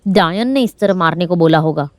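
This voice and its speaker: A woman's voice: lowish voice, a little fast, a little mellow, no echo, natural voice. An actress dubbing an exasperated, scolding village woman in a film. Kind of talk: dubbed film dialogue.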